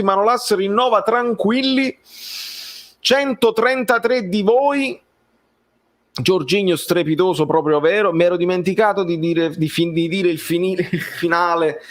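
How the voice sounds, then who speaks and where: Casting: male football streamer, higher-pitched voice, conversational and halting, repeats himself while replying to a live chat. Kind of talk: casual live-stream chat, reading and answering viewer comments.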